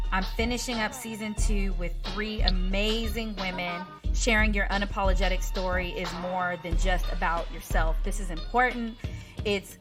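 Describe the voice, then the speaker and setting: A woman hosting a casual podcast interview, upbeat and swearing freely. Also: mid-range voice. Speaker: podcast host.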